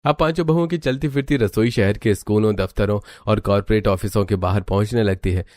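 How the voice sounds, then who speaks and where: A man's voice: on the low side, brisk, a little mellow, no room sound, clean studio sound. A man reading scripted narration for a cartoon family story. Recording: clearly noisy background.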